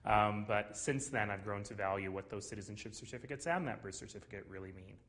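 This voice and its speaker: Man in his forties from Canada, earnest storyteller, slightly low voice, small office to camera. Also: fast talker. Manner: earnest, storytelling, warm chuckles. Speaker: city mayor. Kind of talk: personal talk to camera.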